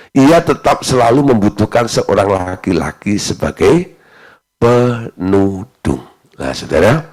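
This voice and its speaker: A middle-aged Indonesian male pastor preaching with lively storytelling, often mimicking the voices of people in his anecdotes. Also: on the low side, husky. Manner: animated, mimics voices in anecdotes, frequent "ya" and "nah". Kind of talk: sermon with storytelling.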